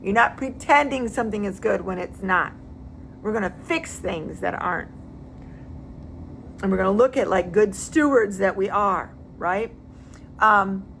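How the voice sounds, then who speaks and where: A woman's voice: mid-range voice, fairly bright tone, slight background noise. A woman real estate agent giving casual advice, emphatic and repeating words for stress.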